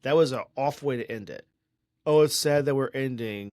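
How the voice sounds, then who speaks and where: A young man co-hosts a casual tech podcast, opinionated and rambling, often circling back with restarts. His voice sits at an ordinary middle pitch. It is recorded close and dry, with no room sound. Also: moderate pace, a little mellow, dry recording. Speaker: podcast co-host.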